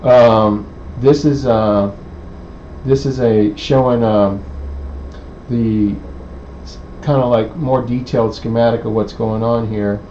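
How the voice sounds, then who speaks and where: A man demonstrates an electronics technique at an indoor workbench without a script, his middling pitch steady and warm. His delivery halts and hesitates as he works out each sentence aloud. The sound is lo-fi and dull, with clear background noise.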